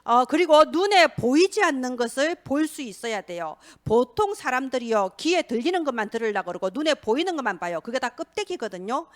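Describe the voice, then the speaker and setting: Woman pastor, high voice, sermon, rhetorical questions, acted-out quotes. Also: sing-song, brisk, hardly any pauses. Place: church.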